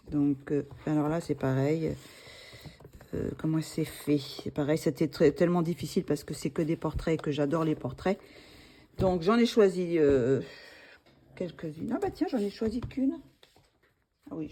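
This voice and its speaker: A woman's voice: on the low side, mellow, slight background noise. A woman hosting a coloring vlog, casually showing her favorite pages with many hesitations and restarts. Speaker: coloring channel host. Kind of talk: casual show-and-tell vlog.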